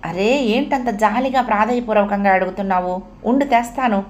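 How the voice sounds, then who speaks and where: A woman voicing a caring woman friend who speaks softly and unhurriedly, in a storybook reading. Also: medium pitch, natural voice. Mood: teasing. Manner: soft, unhurried, comforting.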